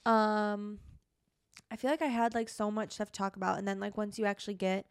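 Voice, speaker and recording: A woman's voice: mid-range voice, little pitch movement, a little fast, smooth. A young woman co-hosting a podcast in casual chat, full of "like" fillers and casual swearing. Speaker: podcast co-host. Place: podcast studio.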